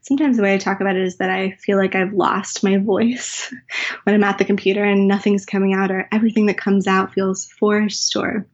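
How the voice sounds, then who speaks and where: Speaking a little fast with little pitch movement at medium pitch, the American woman writer and teacher works through interview questions thoughtfully. She searches aloud with restarts and filler, heard on a dull lo-fi recording.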